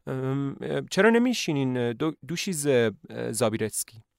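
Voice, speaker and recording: A young teacher speaks politely and earnestly, stumbling a little over his words, as a male narrator plays him. The voice is mid-pitched and plain. The room is dry. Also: very animated, clear, resonant tone, no room sound. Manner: polite, hesitant, with fillers.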